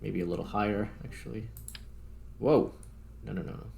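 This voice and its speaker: This gaming video host has a lowish, dark-toned voice with vocal fry and speaks at a normal speed. Over background music, he mutters informally to himself while playing, giving loose let's-play commentary as he thinks his way through the game.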